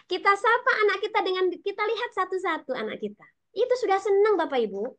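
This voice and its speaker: Fast-talking Sundanese woman lecturing teachers. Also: very high voice. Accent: Sundanese-influenced Indonesian. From West Java, Indonesia (Sundanese). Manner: fast, animated talk that addresses listeners directly. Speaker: teacher educator speaking at a webinar. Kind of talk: lively webinar lecture to teachers.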